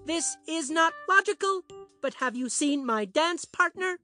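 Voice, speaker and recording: High, stilted old-speech-synth robot prince. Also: female voice, animated, measured pace, bright, forceful tone, soft background music, heavily acted. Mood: logical, determined. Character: robot prince, stiff, literal, lovesick, machine-minded. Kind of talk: children's storybook acting.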